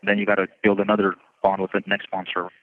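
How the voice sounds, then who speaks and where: A man who is incarcerated answers interview questions over a prison phone line, speaking in a steady, plainspoken, reflective way. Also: deep voice, fast talker. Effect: heard over a prison phone line. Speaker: incarcerated student.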